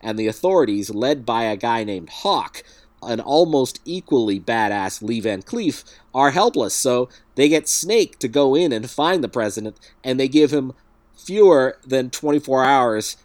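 A man's voice: medium pitch, a little slow, no room sound. A man with a mid-range voice co-hosting a film chat podcast. He recaps stories steadily and slips in dry, wry jokes. The recording is close and dead dry. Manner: wry, dryly joking, steady storyteller. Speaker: podcast co-host. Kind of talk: casual film review chat.

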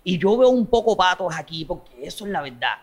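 Casting: male content creator, coastal Colombian accent, high voice, outspoken and sweary, casual interview talk. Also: big pitch swings, a little fast. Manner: blunt, slangy, foul-mouthed. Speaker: social media content creator being interviewed.

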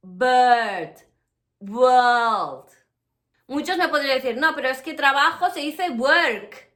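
Bright-voiced teacher drilling English sounds. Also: female voice, high-pitched. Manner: explains with many examples, then models English words slowly. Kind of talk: pronunciation lesson.

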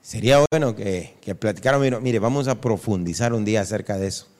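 A man's voice: on the low side, a little fast, darkish tone, in a large hall. A male pastor, preaching a sermon emphatically, repeating phrases and asking questions of the listeners.

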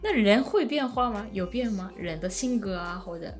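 A woman with a Japanese accent hosts a casual chat as a foreigner speaking Mandarin. Her voice is mid-pitched, and as a native Japanese speaker she sometimes feels for words. There is music in the background. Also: lively intonation, moderate pace. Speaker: interviewer.

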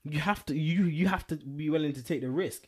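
A man talks casually on a podcast, his voice sitting on the higher side. He rambles through his points and keeps checking whether you follow him. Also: a little fast. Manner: rambling, repeats "do you know what I'm trying to say". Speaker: podcast co-host. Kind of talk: casual chat.

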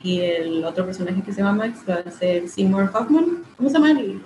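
A woman's voice: medium pitch, brisk. Earnest woman in an echoey room. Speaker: podcast co-host. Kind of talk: casual podcast chat. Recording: echoey room with faint noise.

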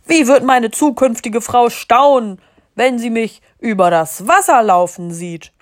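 Boastful dim giant from a storybook, loud, blustering, as a woman reads aloud, slow. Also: fairly high pitch, pitched above the performer's own voice, lightly acted. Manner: loud, blustering, whining when in trouble. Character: big dumb boastful male giant.

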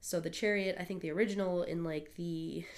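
A woman's voice: fairly low pitch, fairly even intonation, fairly quick. Stuffy-nosed young woman chatting. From Minnesota, United States. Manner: bubbly, chatty, many fillers. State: stuffy nose from a cold. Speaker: podcast co-host. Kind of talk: casual chat.

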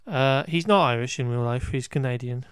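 A man chats through a film recap in a loose, meandering way, trailing off and restarting as he pokes fun at what he saw. His voice sits at an ordinary middle pitch. The recording is dry and close, with no room sound around him. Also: moderate pace, clean tone, no room sound. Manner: rambling, wry and exasperated, with frequent restarts and laughs; occasional swearing. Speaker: podcast host recapping a film. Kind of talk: casual chat.

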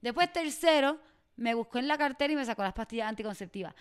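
A young woman with a Puerto Rican accent, telling lively stories as a co-host in casual chat. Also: fairly high pitch, fast talker, smooth. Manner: animated storyteller, laughs often. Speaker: podcast co-host.

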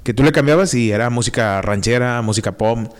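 Young man, northern Mexican accent, slangy storyteller, mid pitch. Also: fairly quick. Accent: northern Mexican, Monterrey. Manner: slangy, animated, acts out quotes. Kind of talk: casual storytelling.

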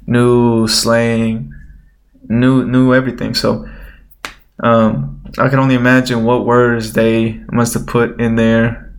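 A man's voice: medium pitch, vocal fry. A man with a nasal, slightly stuffed-up voice, rambling informally as he hosts an unscripted solo show. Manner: rambling, informal, thinking aloud. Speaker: host of a solo podcast. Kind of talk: unscripted casual chat.

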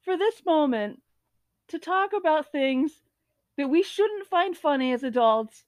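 A young woman co-hosting a podcast tells an embarrassing story in casual chat, laughing through it until she's tearful. Her high voice is animated and a little mellow, at a measured pace. The recording is studio quality with no room sound.

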